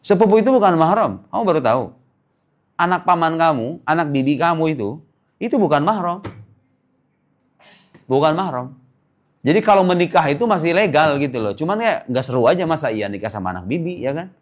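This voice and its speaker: Animated man teaching an Islamic class. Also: fairly high pitch, brisk, pauses often. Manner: lively, questions the class and answers himself; casual, joking. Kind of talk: informal religious lesson.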